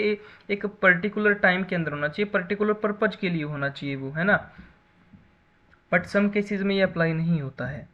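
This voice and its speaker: A man's voice: sits high, dull audio. A man teaching a basic computer class in a lecture style, explaining with everyday examples and often checking back with "है ना".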